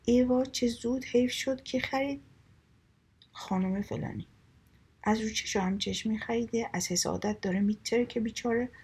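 A woman voicing a vain, jealous rich lady who speaks in a shrill, scornful tone. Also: steady tone, a little mellow, breathy edge. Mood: envious.

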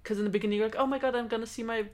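This podcast co-host is a native Georgian speaker from Georgia, recounting something that happened to her in a casual group conversation, with animated outbursts and laughs. She speaks at a fairly high pitch and delivers her words rapid-fire.

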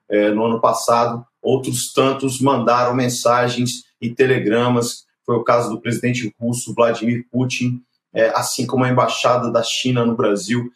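A man's voice: medium pitch, reverberant. A man giving news commentary, padding his explanations with many fillers.

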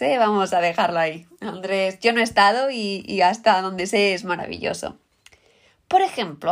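A woman with a Peninsular Spanish accent giving an upbeat English lesson, explaining vocabulary and saying the example words in English. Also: mid-range voice. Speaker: English teacher. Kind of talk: language lesson.

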